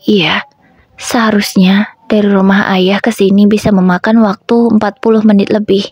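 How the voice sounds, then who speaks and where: Husky woman narrating a sad story. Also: mid-range voice, flat delivery, a little mellow, no room sound. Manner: sorrowful, slow, reflective. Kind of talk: first-person story narration.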